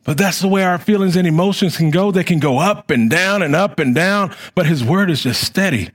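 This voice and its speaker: Preaching as pastor, this middle-aged man speaks in a high, brisk voice. His fervent delivery repeats itself, swelling to loudness before dropping back to quiet.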